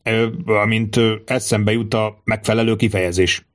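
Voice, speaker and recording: A man voicing a young Roman centurion who answers his superior calmly and with dry understatement. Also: lowish voice, natural voice. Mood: dry composed. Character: young male Roman centurion, cool and wry.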